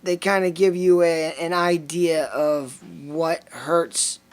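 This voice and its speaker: A man with a Lithuanian accent and a fairly high voice speaks slowly. He co-hosts a casual podcast chat, reading book passages aloud in a steady, list-like manner.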